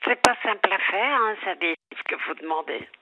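A woman's voice: mid-range voice, fairly quick. An older woman calling into a radio show over the phone, rambling and repeating herself as she chats. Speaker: radio caller. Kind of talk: phone-in chat. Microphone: telephone. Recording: lo-fi phone line.

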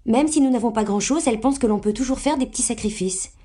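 A woman's voice: a little high, fast, warm tone, slightly rough, pitched above the performer's own voice. Prim eldest sister, sixteen, voiced by a woman. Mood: lecturing. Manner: lecturing, a bit superior. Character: proud sixteen-year-old eldest sister, grown-up airs.

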